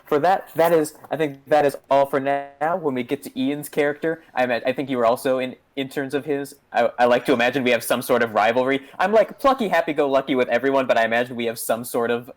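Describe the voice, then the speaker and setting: A man's voice: medium pitch, fast talker, few pauses, faint music behind. Male tabletop player, medium register, easygoing, chatty character description. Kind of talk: casual chat, describing a character.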